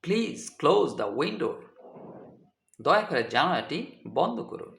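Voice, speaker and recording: A man's voice: a little high, sing-song, takes it slowly, vocal fry, fairly bright tone, reverberant. A man teaching English vocabulary, who spells words out letter by letter and translates each example. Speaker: English tutor. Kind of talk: slow deliberate vocabulary lesson.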